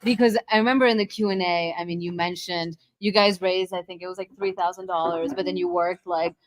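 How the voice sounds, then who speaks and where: A woman's voice: fairly low pitch, fairly even intonation, dry recording. Enthusiastic woman podcast host. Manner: enthusiastic, quick follow-up questions. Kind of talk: casual interview.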